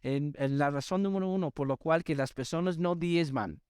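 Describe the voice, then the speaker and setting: A man's voice: on the high side, moderate pace, darkish tone, clear, resonant tone, no echo, studio quality. A male pastor preaching a sermon to a live congregation, emphatic and repeatedly asking the audience to respond. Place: church service with live congregation.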